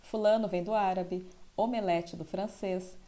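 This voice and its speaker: A woman's voice: mid-range voice, steady tone, measured pace, dark tone. A woman teacher explaining a school lesson, often checking in with tag questions.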